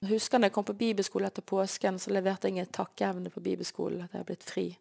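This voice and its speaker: A woman's voice: medium pitch, flat delivery, creaky, a little mellow. A woman sharing an earnest, emotional personal faith testimony as an interview guest. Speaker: guest sharing her life story.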